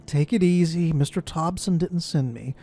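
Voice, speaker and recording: A man's voice: on the high side, normal speed, warm tone. A man hosting a casual game playthrough, reading dialogue options aloud and adding musing, explanatory asides. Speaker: gaming video host.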